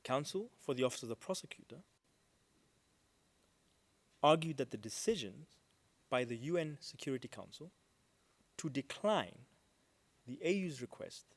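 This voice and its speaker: A man speaking as counsel for a state at an international court hearing, giving a formal legal argument in a measured way with frequent ums, recorded on a desk microphone in a courtroom. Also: mid-range voice. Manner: measured, with frequent ums and stresses on key words.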